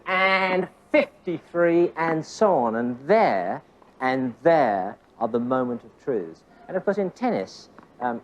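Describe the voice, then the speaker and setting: A man's voice: medium pitch, darkish tone, a little hiss or hum. A man coaching tennis on court, asking his pupils coaxing questions and counting rally hits aloud. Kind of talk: on-court teaching demonstration. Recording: dull lo-fi old TV recording.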